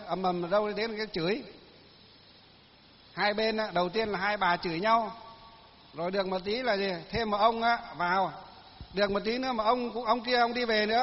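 Monk, highish voice, rambling folksy sermon, echoey hall, dull lo-fi sound. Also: male voice. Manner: folksy storytelling, many fillers, laughs at own tales. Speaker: Buddhist monk. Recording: lo-fi recording with long hall reverb.

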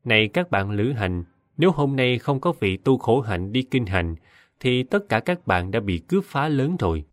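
A man's voice: medium pitch, very animated, normal speed, no echo, studio quality, close to an everyday voice. A man voicing a band of scheming male robbers who talk in a plotting, admonishing way.

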